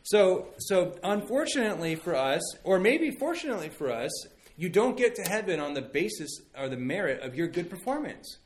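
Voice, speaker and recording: A man's voice: sits high, big pitch swings, normal speed, few pauses, a little hiss or hum. A man in his thirties, a pastor giving a conversational sermon and telling stories with many fillers and restarts.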